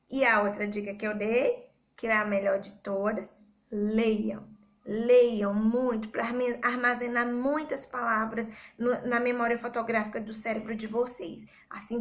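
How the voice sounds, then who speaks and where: Patient Brazilian woman teacher, fairly high. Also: fairly bright tone. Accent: Brazilian Portuguese. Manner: patient, repeats words slowly to explain spelling. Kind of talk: recorded school lesson.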